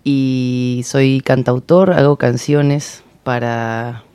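A man, a singer-songwriter, speaking heartfelt on the radio with frequent pauses. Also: mid-range voice, fairly even intonation, dark tone, clean tone. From Peru. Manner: heartfelt, pausing often. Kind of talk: radio guest talk.

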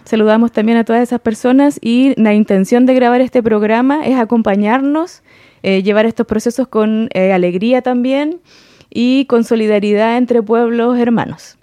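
A woman's voice: a little high, steady tone, moderate pace, warm tone, no echo, studio quality. A woman hosting a community radio program, speaking earnestly with small hesitations. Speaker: radio host.

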